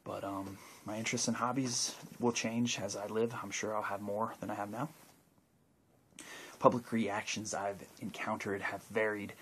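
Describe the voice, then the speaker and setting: A man's voice: on the low side, level tone, normal speed, fairly bright tone, a little hiss or hum. A man talking casually to camera, answering viewer questions in a rambling way with many restarts and fillers. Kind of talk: casual video monologue.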